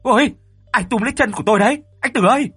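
A man voicing a scared younger village boy, fast and high-pitched when frightened. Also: sing-song, husky, no echo, soft background music. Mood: shrieking.

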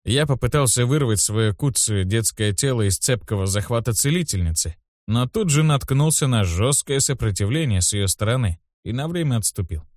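A man narrating a first-person story at an even, measured pace. His voice sits in a middle register, recorded close on a dry studio mic. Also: mid-range voice, no room sound. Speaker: audiobook narrator.

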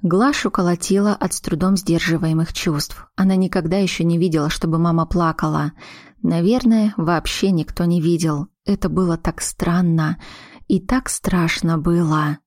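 A woman narrating an audiobook in a steady, measured reading. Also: on the low side, no echo, clean studio sound. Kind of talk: scripted narration.

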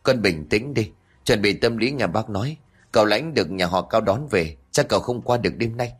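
A man voicing an older uncle who speaks calmly and consolingly with a lower voice. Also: normal speed, husky. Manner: calm, consoling, steady. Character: calm older uncle, gentle and resigned.

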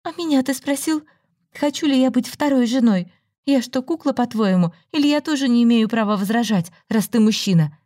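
A woman's voice: fairly high pitch, fairly quick, warm tone, no room sound, clean studio sound, voice pushed up, lightly acted. A woman voicing a hurt, indignant young woman in an audiobook, raising her voice sharply. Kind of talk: audiobook story reading.

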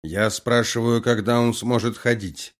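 A man reading an audiobook, voicing a cold, calm male colonel who gives orders and gloats. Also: medium pitch, unhurried, lightly acted. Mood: cold, commanding.

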